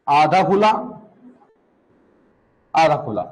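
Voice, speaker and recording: A man teaching a class, repeating each term slowly so students can write it down, asking questions and answering them himself. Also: a little high, sing-song, low-quality recording. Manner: repeats terms for students to copy, asks and answers questions, calls students 'beta'. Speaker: Hindi teacher. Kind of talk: classroom lecture.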